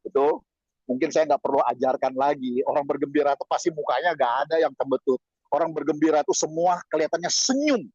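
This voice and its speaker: A man in his fifties preaches with a slightly raised, husky voice, leaping upward in pitch to stress a point and dropping into chatty asides. The recording is dull and lo-fi, with a close, dry sound. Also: quick pace, no echo. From Indonesia. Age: 50s. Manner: lively, swings pitch up for emphasis, chatty asides. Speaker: pastor. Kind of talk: sermon over video call.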